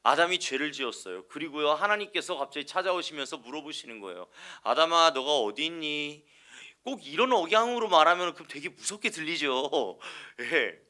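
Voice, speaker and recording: A man preaching at an early morning service in a bright, ringing voice that sits a bit high for a man. His pitch swings widely as he poses questions to the congregation and answers them. The delivery is earnest and emphatic. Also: very animated, a little fast, few pauses. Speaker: evangelist. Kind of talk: sermon.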